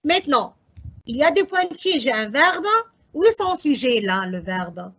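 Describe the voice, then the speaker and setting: A woman with a high, husky voice leads an exam revision lesson in grammar. She speaks slowly and methodically, putting questions to her students and answering them herself. The recording sounds dull and lo-fi. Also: big pitch swings, fairly bright tone. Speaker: French teacher.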